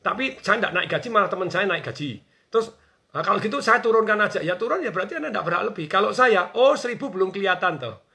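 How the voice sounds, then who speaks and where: A man talking on a radio show as a business coach, energetic and acting out quoted bosses and workers. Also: high-pitched, quick pace, creaky. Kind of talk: animated radio talk.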